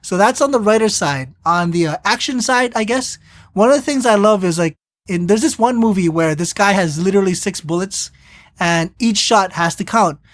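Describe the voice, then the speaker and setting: Animated storytelling podcast co-host. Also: mid-range voice, moderate pace, no room sound, studio quality. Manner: animated storyteller, acts out quotes; rambling with restarts. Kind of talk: casual chat, movie recap.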